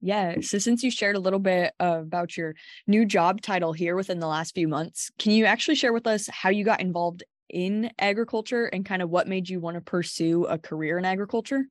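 Woman co-host, lowish voice, dry podcast sound. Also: brisk, no echo. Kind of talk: podcast interview.

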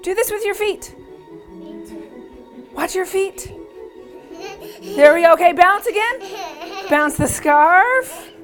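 High-pitched woman with a kindergarten teacher voice. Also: animated, slow, long pauses, faint music behind. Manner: kindergarten teacher voice, simple repeated instructions, encouraging. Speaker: teacher of young children's music class. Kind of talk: leading children's songs and action games.

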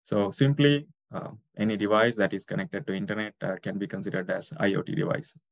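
A man's voice: lowish voice, steady tone, a little fast, creaky, no echo. A young man from Sri Lanka, a researcher answering interview questions with many hesitant fillers. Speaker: guest researcher.

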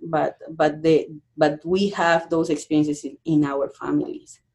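Her voice is low, steady and darkish: a university educator born in Peru, appearing as a guest in a podcast interview conversation. She thinks aloud, halting often and leaning on fillers and restarts.

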